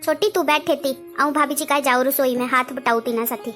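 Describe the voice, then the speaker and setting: A woman playing a patient elder sister who keeps calming the others. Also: high-pitched, brisk, soft background music. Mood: soothing. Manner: calming, placating.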